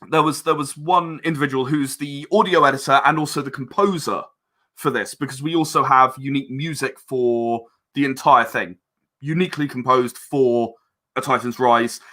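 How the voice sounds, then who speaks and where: Sharp in tone and mid-range in pitch, a male interview guest rambles in a relaxed, talkative way while explaining his work making games and audio dramas.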